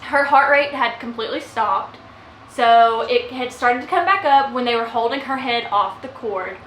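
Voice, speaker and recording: A woman's voice: a little high, moderate pace, fairly bright tone, a little hiss or hum. A young woman vlogger telling her own story casually to the camera, emotional and close to tears at times. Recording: echoey room with faint ambience.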